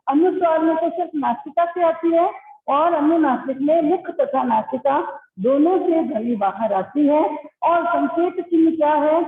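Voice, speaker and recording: High-voiced woman teaching over a tinny line. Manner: explains patiently, asks pupils questions, calls them beta. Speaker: Hindi teacher. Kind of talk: online class lesson. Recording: echoey, phone-like online class audio.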